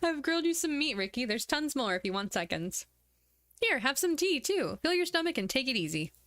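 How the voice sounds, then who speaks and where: A woman voicing a kindly, grandmotherly horse girl from a game, fussing over everyone like a gently nagging old woman. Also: high-pitched, very animated, fairly quick, dry recording, studio quality. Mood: doting. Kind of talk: reading video game dialogue aloud.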